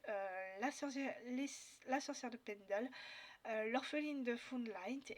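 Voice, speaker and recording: A French woman vlogging about her reading, talking casually with many pauses, fillers and restarts. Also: on the high side. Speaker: book vlogger. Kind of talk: casual book review chat.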